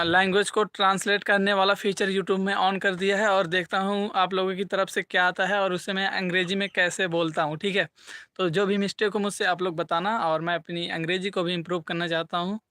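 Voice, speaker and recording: High bright young man live-streaming. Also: dry recording. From Sultanpur region, Uttar Pradesh. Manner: chatty, keeps adding "okay" and repeating himself. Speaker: vlogger hosting a live stream. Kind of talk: casual live-stream chat to viewers. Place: outdoors by a lake. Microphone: phone mic, no separate microphone.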